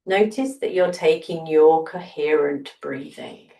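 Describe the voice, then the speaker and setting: A woman softly guiding a breathing meditation, slow and soothing with long pauses. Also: low voice, echoey room, far from the mic. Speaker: breathwork teacher.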